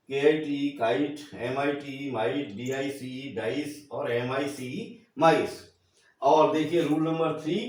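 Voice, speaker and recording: A man teaching English pronunciation in a slow lesson, spelling out words letter by letter and then saying them, and addressing the viewers as dear children. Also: on the high side, distant mic. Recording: very echoey room, voice away from the mic.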